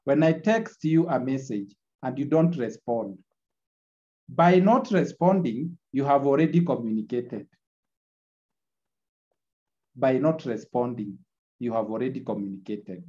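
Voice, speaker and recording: Guy lecturing on a video call, screen recording, dark mellow voice, kinda dull lo-fi sound. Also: medium pitch, a little slow, pauses often. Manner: repetitive, checks in with tag "eh?". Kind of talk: online class lecture.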